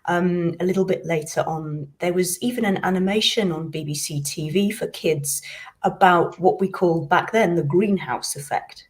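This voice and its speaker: A woman's voice: fairly low pitch, normal speed. A woman from Britain, a poet and scholar, telling her story fluently and reflectively on a video call panel.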